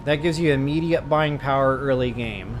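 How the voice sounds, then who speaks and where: A man of medium pitch hosts a let's play walkthrough, offering casual, slangy commentary on the game at a normal speed. There's a slight hiss or hum in the recording.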